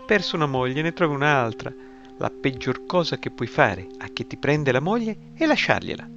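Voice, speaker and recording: A man reading a story aloud, voicing a stocky, boisterous male drinking buddy who is excitable and teasing. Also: mid-range voice, moderate pace, voice pushed up. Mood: jovial. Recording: slightly muffled, music behind.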